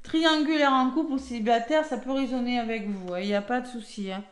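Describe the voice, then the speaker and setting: French woman reading tarot, chatty, fairly high voice, roomy echo. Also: quick pace. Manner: chatty, filler-heavy, frequent "hein". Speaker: tarot reader.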